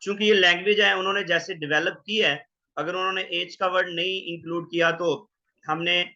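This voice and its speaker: A man teaching the Greek alphabet in an online class, slowly sounding out each letter. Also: high-pitched, steady tone, sharp tone. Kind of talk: online lecture. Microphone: video call. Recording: dull lo-fi online class audio.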